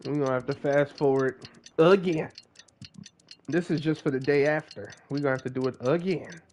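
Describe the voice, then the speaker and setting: Speaking at a moderate pace in a mid-range, darkish voice, a male streamer offers playful, casual commentary on the game he's playing. His talk is full of slang, and game music sits in the background.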